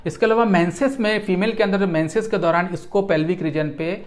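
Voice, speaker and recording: With a brisk, mid-range voice, the instructor works through an explanatory medical lecture on physiotherapy and Unani regimenal therapy. His approach is didactic, restating terms and repeating key phrases.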